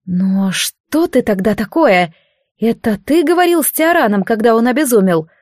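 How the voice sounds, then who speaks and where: A young priestess, earnest and puzzled, as a woman reader plays her, her voice bright and fairly high but plain. The questions come out searching and sincere. The recording is dry and close. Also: animated, normal speed, no echo. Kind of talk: audiobook character voice.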